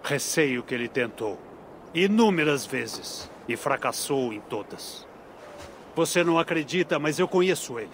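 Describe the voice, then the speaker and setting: Slurring, drunken old-world Viking warlord. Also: male voice, on the high side, lively intonation, unhurried, fairly bright tone, a little hiss or hum. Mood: drunken suspicion. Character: proud, suspicious Viking warlord with a drunkard's slur. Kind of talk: dramatic video game dialogue.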